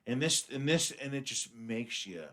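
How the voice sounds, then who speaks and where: A man's voice: mid-range voice, expressive, normal speed, fairly bright tone. A man in his fifties hosting a casual radio talk show, rambling with many stammered restarts. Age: 50s. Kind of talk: casual studio chat.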